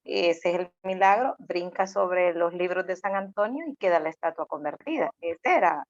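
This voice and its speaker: A woman guest speaking slowly and reflectively, with fillers. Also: on the low side, no echo. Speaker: panel guest. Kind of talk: personal testimony. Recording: dry muffled lo-fi audio.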